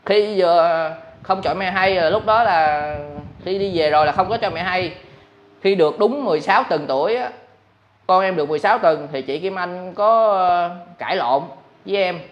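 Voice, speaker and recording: A man's voice: sits high, normal speed, highs cut off. A young man with a Southern Vietnamese accent, earnestly telling his own story as a husband, retelling conversations with many fillers. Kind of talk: emotional first-person account.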